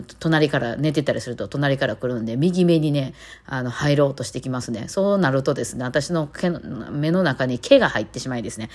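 Fast-talking Osaka woman, low dark voice. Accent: Kansai (Osaka). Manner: rambling, many fillers, laughs often; chatty, playful imitations of her cats. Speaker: podcast host. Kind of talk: casual solo talk.

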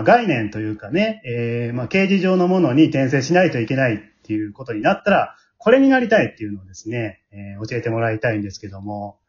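The host, a man with a Kansai accent and a medium, darkish voice, runs an easygoing round-table after-talk. He frequently chimes in with backchannels, small acknowledgements and chuckles. The sound is dull and lo-fi.

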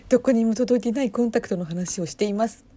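Watching a livestream, this podcast host murmurs chatty reactions to her listeners in hushed tones, frequently sinking into a breathy half-whisper near a phone mic. Her voice, a little high and a little fast, still has a dark, mellow, husky quality.

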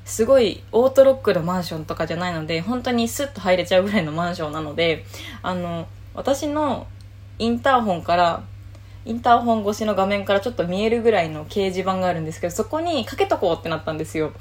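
A woman's voice: mid-range voice, fast talker. A woman hosting a solo talk show, telling a family story casually and acting out the voices in it. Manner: lively, acts out quoted lines and laughs while telling a story. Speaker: solo audio talk host.

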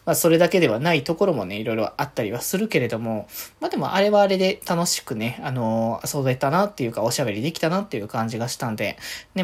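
A woman from Aichi, Japan, hosts a solo podcast in a rumbling low voice with a darkish tone and a breathy edge. She chats casually and easygoingly, recapping her week.

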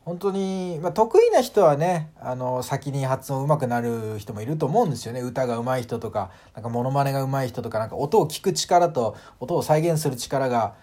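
A man hosting a casual solo audio talk, animated and full of fillers, acting out sounds as he explains. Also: mid-range voice, fairly quick, few pauses. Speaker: podcast host.

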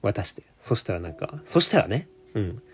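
A man's voice: on the low side, big pitch swings, fairly quick, bright, forceful tone, husky. A young man, telling a work story in a chatty solo monologue full of asides. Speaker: solo podcaster. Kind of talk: casual monologue.

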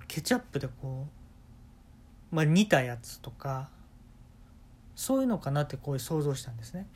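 A man with a Kansai accent telling an absurd story in a rambling, deadpan way as the host of a talk show. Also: a little high. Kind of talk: comic storytelling monologue.

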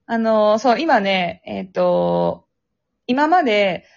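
In a dull lo-fi recording made over a phone app, a young woman from the Kansai region chats on her podcast. She recounts a spooky story in an expressive, slow, medium-pitched voice, laughing a lot and performing phone voices along the way.

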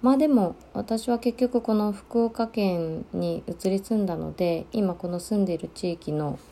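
Chatty woman from Okinawa, dark voice. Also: mid-range voice, vocal fry. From Okinawa, Japan. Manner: chatty, many fillers and pauses. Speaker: podcast host. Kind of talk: solo casual talk.

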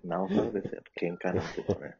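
A man's voice: a little high, wildly swooping pitch, vocal fry, dark tone, highs cut off. A man in his mid-thirties co-hosting a casual comedy podcast. He jokes and laughs along as he looks back on old times with his partner. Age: mid-30s. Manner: joking, quick to laugh. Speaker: comedy duo podcast co-host. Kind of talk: casual chat.

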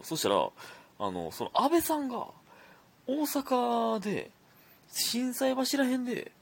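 A man's voice: sits high, breathy edge. A young man with a Kansai accent hosting a casual solo podcast, chatting and reading listener messages aloud. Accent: Kansai Japanese. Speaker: podcast host.

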